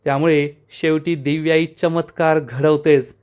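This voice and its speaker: A man's voice: a little high, little pitch movement, a little slow, smooth, lo-fi sound. A man retelling a TV serial episode plot step by step as a storyteller, addressing listeners as friends.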